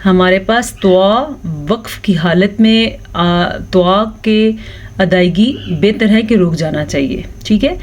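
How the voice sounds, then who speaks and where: A woman teaching a tajweed lesson in Urdu, explaining rules patiently and then slowly drawing out the example words. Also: mid-range voice, slight background noise. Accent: Pakistani Urdu. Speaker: Quran recitation teacher.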